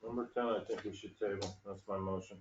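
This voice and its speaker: Man, curt, quick, lower voice, far from mic, muffled. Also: fairly even intonation. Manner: curt, brief replies. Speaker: board member. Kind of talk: town meeting discussion. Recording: distant, echoey, muffled room with loud noise.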